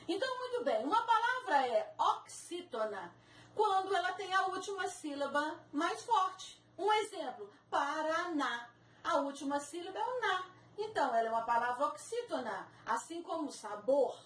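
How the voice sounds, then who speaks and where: High-voiced teacher woman, echoey. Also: a little hiss or hum. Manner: slow, careful, spells out examples. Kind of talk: recorded video lesson. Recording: echoey room, mic at a distance.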